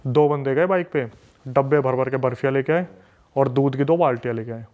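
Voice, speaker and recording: A podcast guest, a man from a city, telling a story in an animated, emphatic way with lots of repetition. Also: mid-range voice, fairly quick. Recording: dull lo-fi recording.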